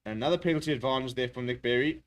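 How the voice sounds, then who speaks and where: A man giving live rugby play-by-play for a watchalong stream, talking quickly with frequent fillers and rising excitement in the action. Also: medium pitch. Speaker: watchalong commentator. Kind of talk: live rugby commentary with chat replies.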